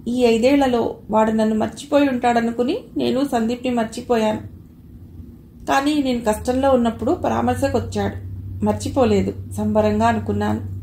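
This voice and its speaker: A woman reading a first-person audio novel in a measured, expressive way. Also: fairly high pitch. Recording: roomy echo, faint hiss.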